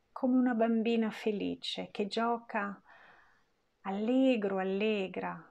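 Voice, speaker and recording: Slow, gentle woman guiding meditation. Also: mid-range voice, gravelly, highs cut off. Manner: slow, gentle, soothing delivery with long pauses. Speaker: meditation guide. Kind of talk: guided meditation.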